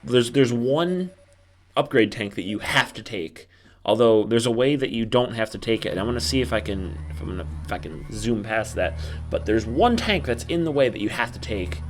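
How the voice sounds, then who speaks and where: A man's voice: mid-range voice, expressive, normal speed. A man hosting a video game playthrough with casual, jokey and self-deprecating commentary.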